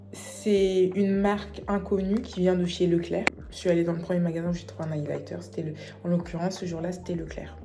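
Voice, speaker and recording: A young woman chatting casually through a makeup tutorial, playful and self-mocking with quick asides. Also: lowish voice, noisy background. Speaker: beauty vlogger.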